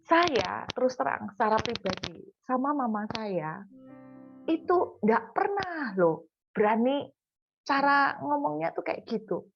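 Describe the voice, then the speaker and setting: A woman preacher with an East Javanese accent gives a morning devotional sermon in a conversational way, slowing down to stress key words. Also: high voice, big pitch swings, gravelly, muffled recording, soft background music. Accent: East Javanese Indonesian. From Surabaya, East Java.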